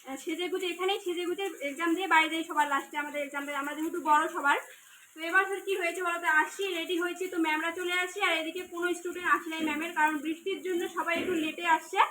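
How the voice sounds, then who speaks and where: A woman's voice: very high-pitched, sharp tone, slight background noise. A young adult woman, chatting casually to viewers in her vlog. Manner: chatty, addresses viewers directly. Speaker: vlogger. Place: outdoors in rain, then dance class.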